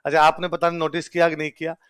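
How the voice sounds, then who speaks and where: A man's voice: fairly high pitch, completely flat delivery, racing, fairly bright tone, clear, resonant tone. A man teaching a lesson, repeatedly asking questions and answering them himself. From Rajasthan. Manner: quizzes listeners with call-and-response questions. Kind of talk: exam-prep lecture.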